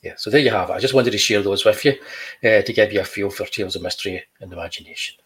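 A man's voice: fairly low pitch, fast talker, fairly bright tone, a little hiss or hum, rough recording. A man, a comic book creator talking casually and showing his artwork, chatty with dry humor.

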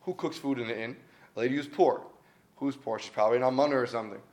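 A man's voice: medium pitch, fast, darkish tone, lightly acted. A man voicing an earnest elderly rabbi who scolds his companion urgently and pleadingly. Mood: urgent scolding.

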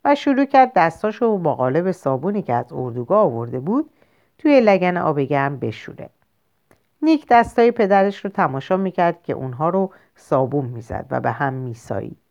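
A woman narrating a short story in a measured, expressive audiobook reading. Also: low voice. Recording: lo-fi muffled recording.

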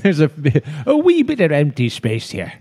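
A man's voice: a little high, huge pitch swings, normal speed, dark tone, husky. A man co-hosting a podcast in casual, informal chat, recorded in an echoey, bare room. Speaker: podcast co-host. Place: basement studio with wood floors and brick walls. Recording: echoey, unfurnished basement room.

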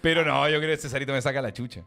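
A man's voice: mid-range voice, steady tone, racing, creaky, sharp tone, faint music behind. A young man with a Chilean accent, chatting casually as podcast co-host in crude slang, laughing often. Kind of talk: casual chat.

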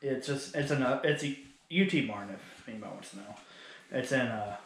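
A man's voice: medium pitch, a little fast, reverberant, slight background noise. A young man co-hosting a podcast, talking in a chatty, easygoing way and laughing often. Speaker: podcast co-host. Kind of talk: casual chat.

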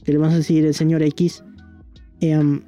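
A man's voice: on the high side, level tone, moderate pace, dark tone, soft background music. A young man with a Bolivian Spanish accent, telling a personal story in a rambling, casual way, with many fillers and tag questions. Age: young adult. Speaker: young historian guest.

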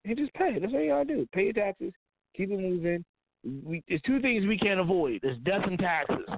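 A man's voice: high voice, lively intonation, moderate pace, no echo. A man hosting a casual, profane commentary on the news, often repeating himself. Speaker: podcast host. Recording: tinny phone-like sound.

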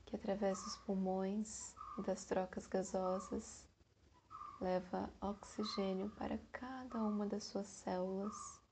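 A Brazilian woman guiding a meditation in a soft, soothing, breathy voice with long pauses, like a calm spa session. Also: medium pitch, noisy background. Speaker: meditation guide. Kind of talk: guided meditation narration.

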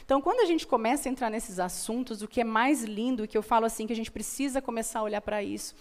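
A fast-talking Brazilian woman with a fairly high, slightly mellow voice tells personal stories as a motivational guest. Her delivery is earnest and emphatic, with repeated phrases for impact.

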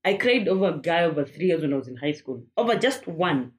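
A young woman with a Kenyan accent in casual chat, telling blunt, animated stories with bursts of laughter. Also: deep voice, fast talker. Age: young adult. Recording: noisy background.

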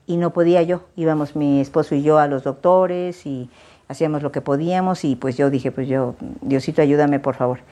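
A middle-aged woman, a guest on a talk show, telling stories animatedly and acting out the people she quotes. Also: deep voice. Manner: animated, theatrical, acts out quoted voices. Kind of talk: casual talk show chat.

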